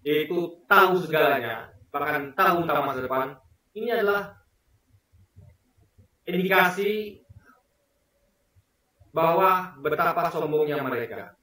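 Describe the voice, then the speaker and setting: A man's voice: on the high side, measured pace, pauses often, sharp tone, far from the mic. Earnest man in a very echoey room. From Indonesia. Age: 40s. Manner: earnest, emphatic, repeats points. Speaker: vlogger. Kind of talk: casual spoken commentary to camera.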